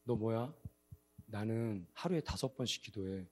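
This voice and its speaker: A man's voice: lowish voice, unhurried, breathy edge, voice pushed down. A man voicing a proud royal man who questions him bluntly and informally. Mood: haughty.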